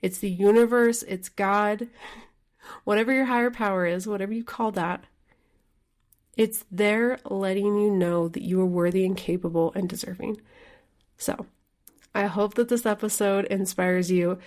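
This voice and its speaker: A woman's voice: medium pitch, steady tone, moderate pace, darkish tone. A woman hosting her own podcast as a life coach, talking candidly and casually in a solo monologue, filling her speech with "like" and the odd swear word. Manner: chatty, frequent "like" fillers, candid with mild swearing.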